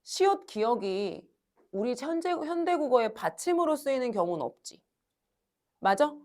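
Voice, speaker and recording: A woman teaching a high-school language class, asking students questions and answering them herself in a brisk, coaxing way. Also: very animated, a little mellow. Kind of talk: classroom lecture.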